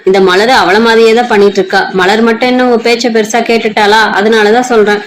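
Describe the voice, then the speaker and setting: A woman's voice: mid-range voice, a little hiss or hum, close to an everyday voice. A woman voicing a self-important son-in-law who complains and sneers about the household in a storybook retelling. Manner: entitled, sneering.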